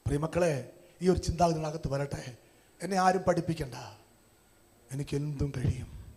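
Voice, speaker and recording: A male pastor, preaching a sermon with call-and-response, his voice rising at times to shouts. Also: fairly high pitch, normal speed.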